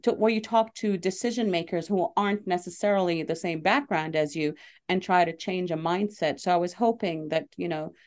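Her voice runs on the low side and fairly quick. She is a middle-aged comedian and show producer from Lebanon, answering an interviewer earnestly and conversationally, with frequent fillers and ready laughter.

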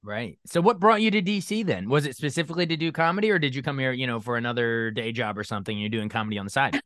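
A man's voice: medium pitch, expressive, fairly bright tone, dry recording, studio quality. A man interviewing a guest for radio, stumbling and repeating words as he shapes his questions. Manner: halting, repeats words while forming questions.

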